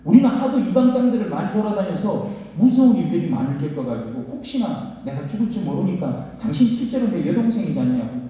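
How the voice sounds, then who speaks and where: A man preaching voices a confident patriarch calmly justifying himself. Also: sits high, a little fast, hardly any pauses. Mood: self-assured. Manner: confident, explaining. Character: bold, self-assured male patriarch. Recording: echoey church hall from far off.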